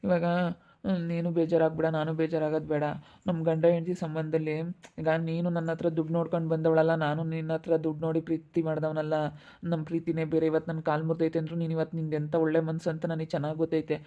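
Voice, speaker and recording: A man's voice: fairly high pitch, monotone, fast talker, highs cut off, lightly acted. A man acting a distressed young husband in an amateur family skit, pleading and repeating himself. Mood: tender. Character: distressed young husband, despairing over money.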